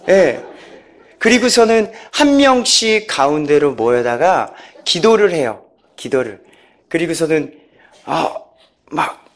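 A man giving a personal church testimony, storytelling with animation, acting out quotes and chuckling as he goes. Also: fairly high pitch.

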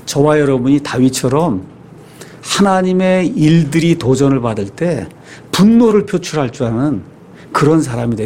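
A man's voice: a little high, a little mellow, a little hiss or hum. A man, a pastor, preaching a sermon in a conversational way, often asking his listeners rhetorical questions.

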